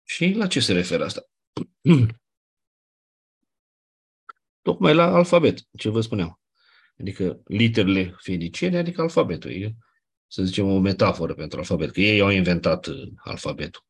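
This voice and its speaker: A man with a fairly low, husky voice lectures on grammar. He explains patiently, point by point, and keeps checking that his students follow. He clears his throat now and then. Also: sing-song, pauses often. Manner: explanatory, asks 'nu?' and 'da?' to check understanding. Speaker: Ancient Greek teacher.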